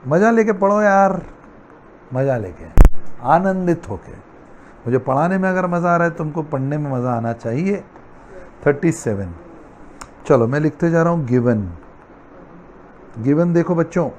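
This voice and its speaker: A man's voice: on the high side, a little mellow, slight background noise. A middle-aged man teaching a math class, telling a playful story and acting out its characters. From India. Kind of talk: classroom lecture.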